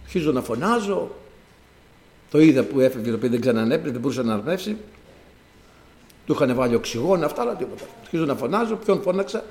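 A man of medium pitch preaches a sermon with a personal testimony, leaving long pauses. His animated style jumps from loud exclamations to quiet asides, and he acts out sounds. It was recorded in an echoey hall.

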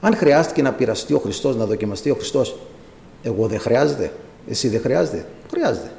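A man's voice: medium pitch, expressive, gravelly, darkish tone, a little hiss or hum. A man preaching as a visiting preacher, impassioned and rising to emphatic cries. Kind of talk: sermon. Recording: echoey church hall.

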